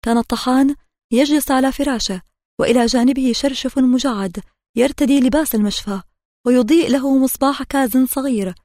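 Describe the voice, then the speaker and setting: A woman narrating an audiobook in a measured, steady reading voice. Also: sits high, no room sound, clean studio sound.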